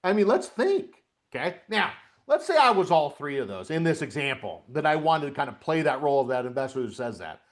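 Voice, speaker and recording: A middle-aged man leads a live webcast lesson on options trading. His voice sits a bit high for a man, and he keeps it chatty, drifting into folksy asides while he works through the trades. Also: sing-song, a little fast. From upstate New York, US. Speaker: trading coach.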